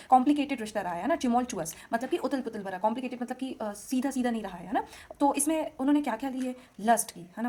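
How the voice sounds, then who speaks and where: A woman's voice: a little high, a little mellow, slight background noise. A woman teacher giving an exam-focused literature lesson, asking questions and answering them herself. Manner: explains in Hindi mixed with English terms, asks and answers own questions.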